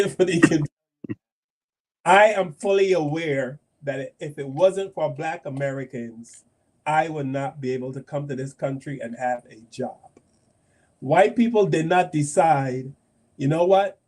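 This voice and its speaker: A man from Barbados hosts a talk show and lays out his point with fervor. He leans on repetition to drive things home, and his voice sits a little higher than most men's. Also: measured pace, a little mellow. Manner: emphatic, repeats phrases for force. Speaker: host. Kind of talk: passionate podcast commentary.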